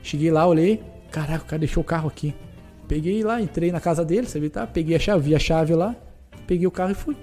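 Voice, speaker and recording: Fast-talking Brazilian man telling stories. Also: a little high, faint music behind. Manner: animated, repetitive, acts out dialogue. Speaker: guest, footballer. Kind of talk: casual storytelling.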